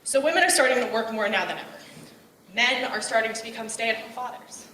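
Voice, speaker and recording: Speaking briskly in a voice on the high side, a bold, outgoing young woman delivers a personal speech about gender roles. She comes across loud and direct, recorded from afar in a roomy, echoing space with slight background noise.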